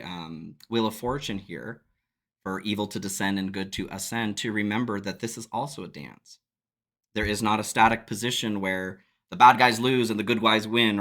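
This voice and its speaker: A man giving a casual tarot reading to his viewers, reflective and relaxed, laughing now and then. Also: lowish voice. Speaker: tarot reader.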